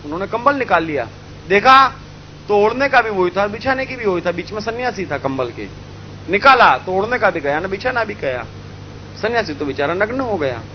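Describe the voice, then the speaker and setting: A man from India telling a spiritual story in an animated way, acting out the characters. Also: high-pitched, a little fast, highs cut off, a little hiss or hum. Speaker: spiritual speaker. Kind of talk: storytelling talk.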